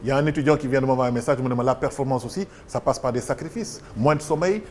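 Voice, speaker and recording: A man with a Senegalese accent hosting a TV talk show in a lively, conversational way. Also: medium pitch, racing, background noise.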